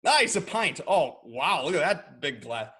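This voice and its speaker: Male podcast host, upbeat and jokey, talking over a video call from his garage, a little breathy. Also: on the high side, sing-song, unhurried, bright, forceful tone. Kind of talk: casual interview chat. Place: home garage.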